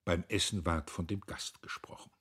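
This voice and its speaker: Husky man reading an audiobook. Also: deep voice, moderate pace. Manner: expressive, dramatic reading. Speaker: audiobook narrator. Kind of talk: scripted audiobook narration.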